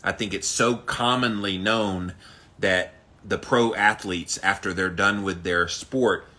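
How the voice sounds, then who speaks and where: A man's voice: deep voice, steady tone, takes it slowly, bright, forceful tone. A man hosting a casual livestream, chatting to viewers with an emphatic, punchy delivery. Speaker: host of a daily ice bath challenge livestream. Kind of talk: casual livestream chat, greeting viewers by name.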